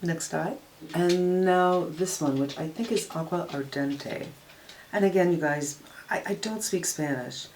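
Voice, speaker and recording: Frank older woman, low voice. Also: a little slow, a little mellow, a little hiss or hum, poor audio. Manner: frank, matter-of-fact product critique. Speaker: beauty vlogger. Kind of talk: casual makeup tutorial narration.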